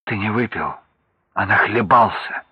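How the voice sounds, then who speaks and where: A man reading an audiobook and voicing a young wife, tearful and bitter, scolding her husband in a husky voice. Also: fairly low pitch, unhurried, no echo. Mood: bitter reproach. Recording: dull lo-fi audiobook recording.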